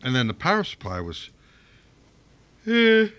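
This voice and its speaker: Podcast co-host, male, unhurried and rambling, bright tone. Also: fairly high pitch, wildly swooping pitch, smooth, muffled recording. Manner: rambling, halting, frequent restarts. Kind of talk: casual chat.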